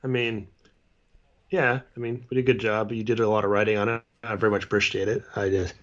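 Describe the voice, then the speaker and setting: A man's voice: on the low side, flat delivery, quick pace, a bit bright, dull audio. A man co-hosting a casual livestream, joking and laughing often, stumbling over repeated words. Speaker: podcast co-host.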